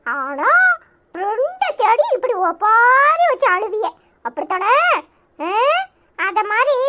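Woman voicing a shrill, scolding cartoon grandson. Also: dull audio, background noise. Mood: mocking. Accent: Tirunelveli Tamil. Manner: nagging, mocking questions. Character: young grandson, scolding and sarcastic. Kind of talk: cartoon voice acting.

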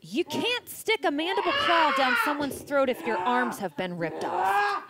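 Lady doing wrestling color commentary, highish voice that moves around a lot. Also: very animated, a little slow. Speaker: colour commentator. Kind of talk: live sports commentary. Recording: clear background noise.

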